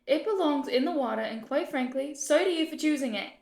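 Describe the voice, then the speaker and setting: Woman voicing a high-voiced ghost queen, haughty and scornful, puppet play, roomy echo. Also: animated, brisk, vocal fry, a little mellow. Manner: scornful, imperious complaining.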